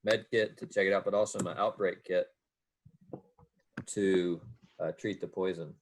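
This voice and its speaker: A man's voice: low-pitched, fairly even intonation, a little slow, a little hiss or hum. A man playing a tabletop game in casual chat, laid-back and calling everyone man. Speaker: player.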